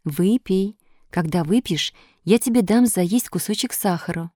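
A woman voicing a gentle motherly fairy. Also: medium pitch, unhurried, dry recording, studio quality, close to an everyday voice. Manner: gentle, soft-spoken, coaxing. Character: kind, patient motherly fairy. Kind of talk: storybook reading.

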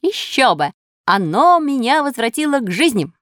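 Pinocchio, a woman doing a shrill whiny wooden boy. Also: very animated, normal speed, fairly bright tone, no echo, studio quality. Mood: cheerful. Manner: whining, pleading, shrill. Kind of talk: storybook reading.

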